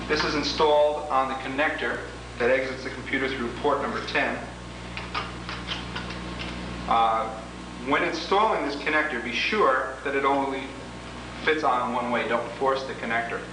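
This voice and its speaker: A product demonstrator with a mid-range voice walks through an instructional demo step by step, explaining deliberately and methodically. The noisy 1980s demo tape sounds roomy and echoing, with the mic placed far away.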